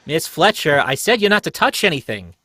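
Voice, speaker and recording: A man's voice: on the high side, big pitch swings, a little fast, pushed and bright, no echo, exaggerated voice. A man playing a stern, bossy police inspector in old-time radio mystery style, giving clipped commands. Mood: commanding.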